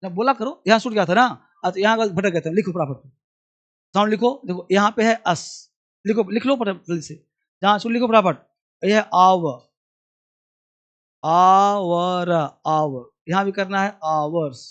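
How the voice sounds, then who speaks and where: A man teaching a class, repeating English sounds and pronouns with an Indian accent for students to copy and giving brisk instructions. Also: high voice, a bit bright, lo-fi sound. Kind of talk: classroom pronunciation drill.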